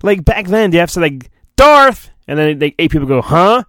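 A podcast host with a fairly high voice talks fast as he reads a storybook in a theatrical, mock-dramatic style, breaking away for rambling, sarcastic asides. The sound is dry and studio quality.

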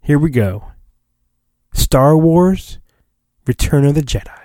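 Recorded at home on his phone, with roomy echo and faint music, a middle-aged American podcast host dramatically reads a storybook. His voice is on the high side, expressive, slow and dark, described as studio quality. He keeps cutting himself off with informal, wisecracking asides.

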